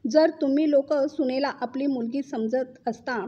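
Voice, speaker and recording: A woman's voice: sits high, fairly even intonation, normal speed, highs cut off. A woman voicing a quarrelsome, accusing mother. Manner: accusing, scolding. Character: quarrelsome middle-aged mother of the bride.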